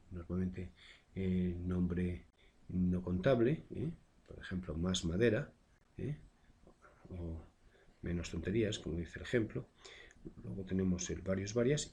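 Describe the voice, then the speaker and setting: A male secondary school language teacher from Spain, his voice low, gravelly and slightly mellow, gives a recorded grammar lesson over a slight hiss or hum. He explains patiently, often using "eh" fillers and tag questions.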